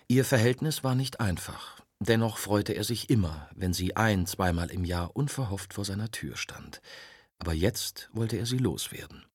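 A male audiobook narrator reads in an even, measured way. His voice is low with a husky edge. The recording is dry and close. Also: no room sound. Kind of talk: scripted narration.

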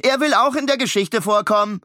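A man voicing a playful, stubborn boy twin in an audiobook, with a high, loud, giddy voice. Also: brisk, dry recording, clean studio sound. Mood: excited.

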